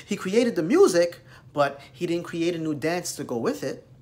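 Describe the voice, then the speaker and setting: In a small room, an American dance vlogger in his thirties emphatically rants to his phone camera at arm's length, speaking directly to viewers. His slightly high, somewhat mellow voice has big pitch swings at a moderate pace, and there's slight background noise.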